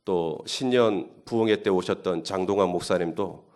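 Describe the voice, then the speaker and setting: A male pastor delivers a sermon at an early-morning Holy Week service, his voice low and darkish, moving at a normal speed. His delivery is conversational, building up to emphatic questions.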